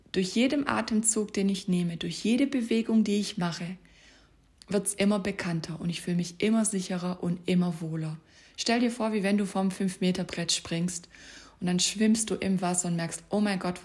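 A woman giving a motivational coaching talk, speaking softly and often in a whisper as she guides the listener with gentle instructions. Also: mid-range voice. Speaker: life coach.

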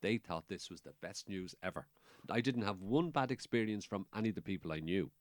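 A man in his sixties with an Irish accent, telling a personal story as a guest in a lively, anecdotal way, chuckling through it. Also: sits low, brisk, no room sound, studio quality. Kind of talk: casual storytelling.

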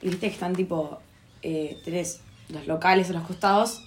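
A woman's voice: on the low side, moderate pace, slight background noise. Young Argentine woman telling anecdotes. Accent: Buenos Aires Rioplatense Spanish. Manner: chatty anecdotal storytelling, slangy and animated. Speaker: podcast co-host. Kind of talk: casual chat.

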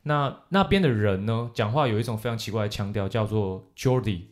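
A young man with a somewhat low voice chats easily with a friend. He explains at length and mixes English words and whole phrases into his speech. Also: brisk. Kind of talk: casual chat.

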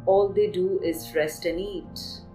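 A woman from Kolkata with an Indian English accent hosts a poetry podcast and recites her poem in an emphatic voice with dramatic pauses. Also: lowish voice, fairly even intonation, dark tone, faint music behind, poor audio.

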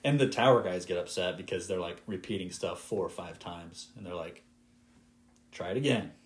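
A man in his twenties who works as a flight instructor, sitting in as a podcast guest. He tells his stories casually and with lots of animation, bringing radio exchanges to life. His voice sits somewhat low. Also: brisk. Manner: lively, animated retelling of radio calls. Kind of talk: casual storytelling in conversation.

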